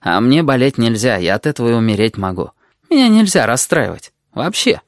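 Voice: mid-range voice, very animated, a little fast, no room sound, clean studio sound. A reader voicing a frail, sickly boy who talks in a playful, teasing way. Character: frail sickly boy, admired pet of the nurses.

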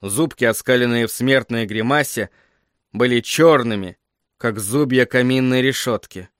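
A man narrating a story in a measured, even reading voice. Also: medium pitch, no room sound, clean studio sound. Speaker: audiobook narrator. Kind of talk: scripted narration.

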